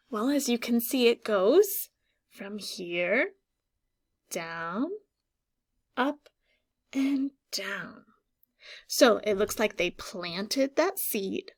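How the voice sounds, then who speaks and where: A woman teacher reads aloud interactively to young children in a fairly high voice. She is expressive and instructive, stresses key words, and pauses after her questions.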